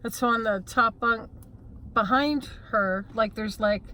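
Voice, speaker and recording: A middle-aged woman with a slightly high voice, talking very slowly as she joins a casual vlog chat. Her delivery is unhurried and relaxed, with a faint hum of background noise. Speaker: vlog co-host.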